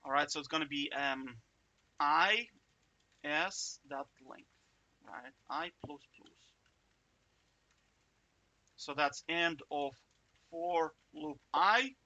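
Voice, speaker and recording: Slow-talking man walking through code. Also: fairly high pitch, bright, forceful tone, muffled recording. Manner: chatty, self-interrupting, jokey asides; checks in with "right?" often. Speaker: coding tutor. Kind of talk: casual screen-share coding walkthrough.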